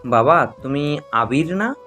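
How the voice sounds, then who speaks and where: A man's voice: on the high side, very animated, measured pace, fairly bright tone, soft background music, full character voice. A man voicing an older father who pleads through tears, in an audio story. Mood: tearful pleading. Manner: tearful and begging.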